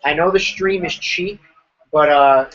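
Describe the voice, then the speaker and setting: Excitable man hosting a wrestling reaction. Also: a little high, measured pace, muffled recording. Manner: excitable and joking, reacts aloud to the screen. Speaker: host of a wrestling reaction show. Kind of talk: live reaction commentary.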